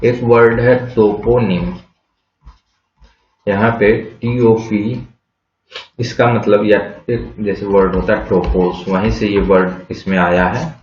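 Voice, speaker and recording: Speaking with fairly even intonation and a slightly mellow, fairly low voice, a male English vocabulary teacher gives a slow, patient lesson. He spells words letter by letter and answers the quiz questions he puts to his class. The recording is muffled and lo-fi in an echoey room.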